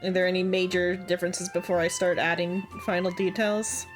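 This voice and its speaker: A woman playing a tabletop game, chatty and quick to giggle. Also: fairly low pitch, little pitch movement, music in the background. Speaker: player. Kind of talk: casual tabletop game chat.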